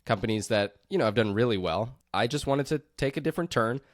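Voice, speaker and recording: A man co-hosting a casual podcast chat, relaxed and leading the talk, often laughing. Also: medium pitch, quick pace, dry recording, clean studio sound. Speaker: podcast co-host.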